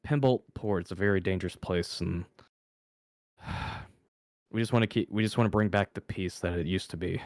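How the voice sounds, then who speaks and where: A man's voice: on the low side, animated, normal speed, long pauses, clean tone, dry recording, studio quality, lightly acted. A man voicing a stern, serious male guard captain who talks firmly. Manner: stern, firm.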